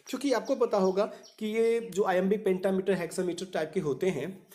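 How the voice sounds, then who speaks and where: A male teacher walks through an exam lesson, his pitch swinging up and down animatedly. He explains patiently, often pausing to check that the listener follows. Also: darkish tone.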